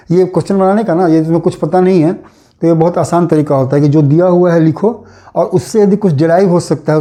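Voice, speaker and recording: A man's voice: a little high, dark tone. A man teaching maths, patiently explaining a problem step by step and repeating key points, mixing terms into his speech. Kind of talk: classroom explanation.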